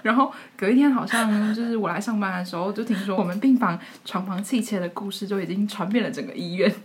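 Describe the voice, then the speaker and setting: A woman, co-hosting a podcast and telling work stories in a lively way, acting out the quoted dialogue. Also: medium pitch, fast. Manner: lively, acts out quoted dialogue, laughs often. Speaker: podcast co-host, nurse. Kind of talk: casual storytelling chat.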